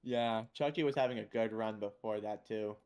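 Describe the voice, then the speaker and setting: A young man giving excited play-by-play commentary on a sim race, swearing at wrecks. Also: fairly low pitch, moderate pace, clean tone.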